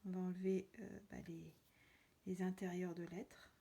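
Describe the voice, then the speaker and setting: A woman's voice: fairly low pitch, level tone, moderate pace, vocal fry, mellow, slightly rough. A woman hosting a card-making tutorial, talking casually while she works with many hesitations and fillers. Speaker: crafting tutorial host. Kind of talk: casual craft demonstration.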